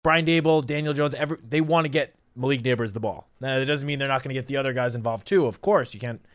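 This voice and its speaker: A man's voice: medium pitch, quick pace. A man co-hosting a sports show in casual, conversational football discussion.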